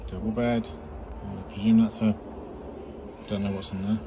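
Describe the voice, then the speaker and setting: A man's voice: on the low side, little pitch movement, moderate pace, gravelly. Enthusiastic man touring a museum. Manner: enthusiastic, exclamatory remarks while walking. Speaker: vlogger. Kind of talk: casual museum walkthrough commentary. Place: large indoor museum hall. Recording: noisy handheld museum recording.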